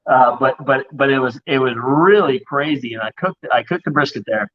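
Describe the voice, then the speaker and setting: Excitable guest chef, muffled lo-fi audio. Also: male voice, mid-range voice, slight background noise. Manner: excitable, rapid storyteller. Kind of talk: casual live-stream chat.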